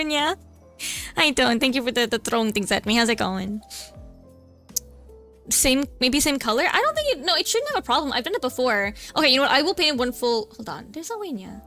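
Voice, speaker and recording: A woman's voice: high-pitched, big pitch swings, brisk, pushed and bright, faint music behind. A woman VTuber chatting casually while playing a game, flustered and chatty, tacking a cutesy "nya" onto her lines. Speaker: VTuber streamer. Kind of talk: casual gameplay streaming chat.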